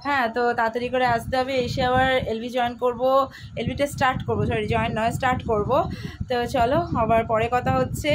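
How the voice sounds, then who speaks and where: A woman's voice: a little high, little pitch movement, fast talker, noisy background. A woman chatting casually to her viewers in a home vlog, walking them through her cooking and errands. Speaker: vlogger. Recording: background music under the voice. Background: music.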